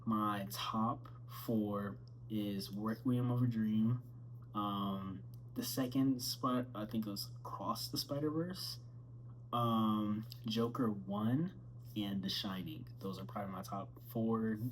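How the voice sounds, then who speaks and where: A man's voice: fairly low pitch, steady tone, slow, slight background noise, poor audio. A twenty-two-year-old man, a film student, talking casually from his bedroom, rambling with fillers and self-corrections. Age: 20s.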